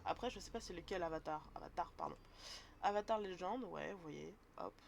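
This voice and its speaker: A woman's voice: on the low side, a little fast, creaky, slight background noise. A woman streamer casually explaining tabletop role-playing in a rambling, self-correcting way.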